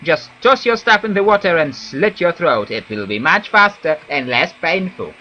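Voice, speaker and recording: A man's voice: on the high side, sing-song, moderate pace, pushed and bright, lo-fi sound. A man voicing a chatty, nervous wood elf commoner from a video game in a perky, gossipy christmas elf manner. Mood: warning, gossipy. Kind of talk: video game character read aloud.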